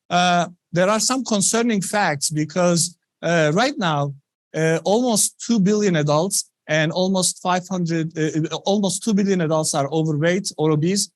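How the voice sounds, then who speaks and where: A man's voice: fairly high pitch, no echo. Man giving a science talk. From Turkey. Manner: earnest, conversational, many "you know" fillers. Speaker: scientist presenting research.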